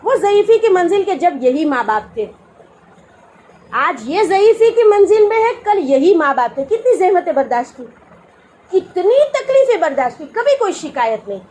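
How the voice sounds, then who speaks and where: A woman's voice: very high-pitched, very animated, a little mellow, low-quality recording. A woman preaching at a women's religious gathering, earnest and exhorting, telling a moral story to make her point. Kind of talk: sermon.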